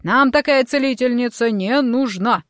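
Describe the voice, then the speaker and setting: A woman voicing a rowdy townsman who shouts gleefully to stir up the crowd. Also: on the high side, moderate pace, dry recording, studio quality, natural voice. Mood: gloating.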